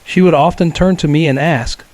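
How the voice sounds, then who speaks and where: A man telling a true horror story as scripted narration, in a calm, measured way. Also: a little high, no echo.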